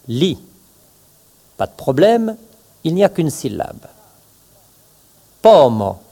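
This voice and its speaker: A man teaching pronunciation in a slow, measured way, giving each syllable room. His pitch rises and falls freely as he drills sounds and beats out the stress of each word. It sounds like a scripted language lesson. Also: warm tone. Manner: slow, deliberate, spelling out syllables and tapping out stress rhythms.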